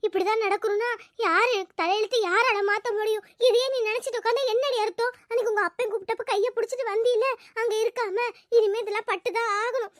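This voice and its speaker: Cartoon: woman doing a nagging grandma, very high, dry close mic. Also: steady tone, fast talker, dry recording. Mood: scolding. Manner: scolding, grumbling. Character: sharp-tongued old village grandmother, nagging. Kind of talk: cartoon voice acting.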